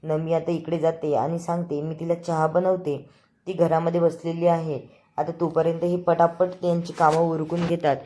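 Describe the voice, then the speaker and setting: A woman with a low, mellow voice recaps a TV serial episode in a chatty storytelling way. She reads out each character's lines with a slight lift but stays close to her own voice. The delivery is relaxed and conversational. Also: moderate pace, a little hiss or hum. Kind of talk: casual retelling of a TV serial episode.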